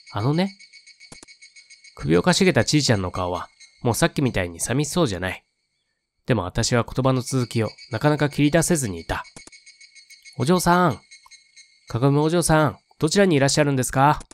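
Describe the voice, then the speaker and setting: Calm man reading a horror game aloud. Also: mid-range voice. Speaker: game reader and streamer.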